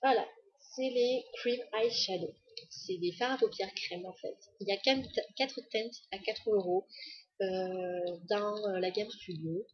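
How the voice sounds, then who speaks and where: A woman's voice: medium pitch, measured pace, breathy edge, muffled recording. A woman chatting casually to the camera in a beauty haul video, enthusiastic and full of fillers. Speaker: beauty vlogger.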